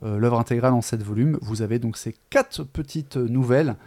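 A man co-hosting a casual literary discussion podcast, talking in a chatty, hesitant way with many pauses and restarts. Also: medium pitch, a little mellow. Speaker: podcast co-host.

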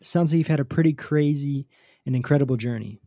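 A man's voice: mid-range voice, fairly quick, mellow, dry recording, studio quality. A man hosting a podcast, asking polite and encouraging interview questions. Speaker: podcast host.

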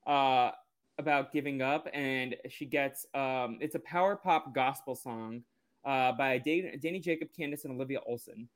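A man's voice: medium pitch, moderate pace. Man rambling through a cartoon recap. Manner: rambling, loose storytelling. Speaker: podcast co-host. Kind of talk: casual podcast episode recap.

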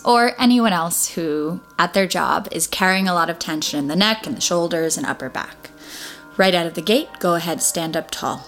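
Female Pilates instructor, lowish voice, encouraging step-by-step cueing over clear background music. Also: fairly bright tone. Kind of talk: guided exercise class instruction.

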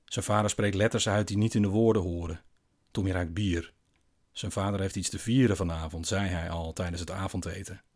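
A man narrating a scripted eerie bedtime story in a quiet, slow, hushed way with long pauses. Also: sits low, steady tone.

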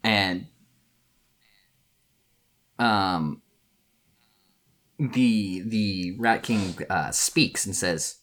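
A man narrating as game master of a tabletop game, halting, with many restarts and fillers. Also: low-pitched, a bit bright.

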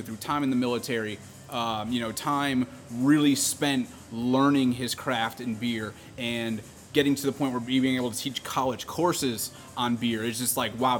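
Casual male podcast host, average pitch, loose rambling delivery recorded in a brewery. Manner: rambling, many fillers and repeated words. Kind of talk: casual chat. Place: brewery taproom.

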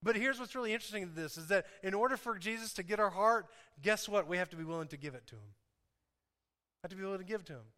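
A man's voice: high voice, very fast, bright, forceful tone. A man preaching an informal, impassioned sermon to a congregation, repeating phrases for emphasis and dropping in conversational asides.

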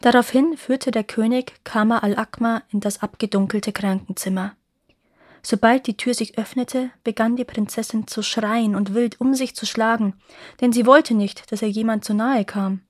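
A woman storyteller reading a fairy tale aloud with an expressive, lively delivery. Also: on the high side, moderate pace, no room sound, clean studio sound.

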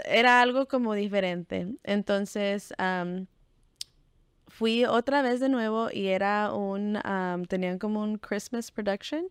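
A woman's voice: mid-range voice, clear, resonant tone, no room sound, clean studio sound. A young Texan woman telling her story as an interview guest, often dropping English fillers like "so" into her Spanish. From Texas, United States. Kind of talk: casual interview conversation.

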